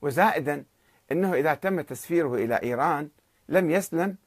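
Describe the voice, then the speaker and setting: A man's voice: a little high, animated, fast talker, breathy edge, no room sound. A man narrating a historical account, reading quoted exchanges with rising emphasis.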